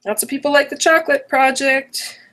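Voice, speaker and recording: During a casual live-stream chat, a middle-aged woman hosts an online craft workshop at a normal speed, her high-pitched voice a bit bright. She rambles and corrects herself as she goes, and a coming cold has left her voice worn.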